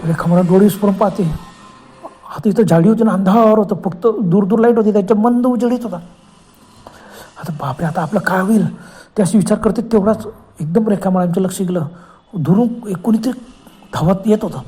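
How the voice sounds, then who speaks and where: Mellow husky male storyteller. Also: sits high, a little fast, long pauses. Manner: dramatic, exclaiming. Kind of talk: horror story narration.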